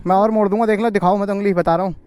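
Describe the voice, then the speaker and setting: A man's voice: high voice, steady tone, rapid-fire. A young man vlogging at a bike race, arguing insistently and repeating himself. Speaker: motovlogger. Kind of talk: heated argument on camera. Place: outdoors at a bike drag race. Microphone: handheld action camera. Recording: outdoors with loud crowd around.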